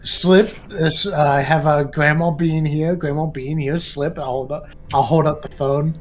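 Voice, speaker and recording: Male tabletop player, pitch a touch high, casual and hesitant in role-play. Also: steady tone, measured pace.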